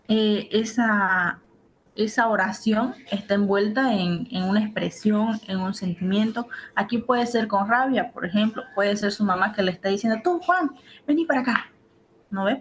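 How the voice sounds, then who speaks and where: A woman's voice: medium pitch, a little hiss or hum, low-quality recording. Woman teaching a patient grammar class. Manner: explains step by step, often checks with "ok?". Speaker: teaching assistant. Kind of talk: online grammar lesson.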